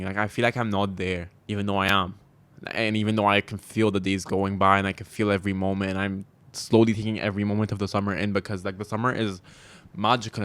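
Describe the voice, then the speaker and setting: Low-voiced young man rambling confessionally. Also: fairly bright tone, dry recording. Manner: rambling, self-deprecating, frequent laughs and filler "like". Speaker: podcast host. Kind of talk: confessional solo podcast monologue.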